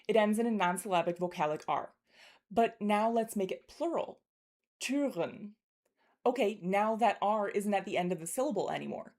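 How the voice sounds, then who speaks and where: A woman's voice: medium pitch, brisk, a little mellow. A woman teaching pronunciation as a linguist, explaining carefully and articulately and demonstrating speech sounds, with a throaty r in German example words.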